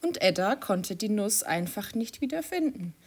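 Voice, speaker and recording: A woman narrating a children's story in an expressive, sing-song manner. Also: medium pitch, normal speed, breathy edge.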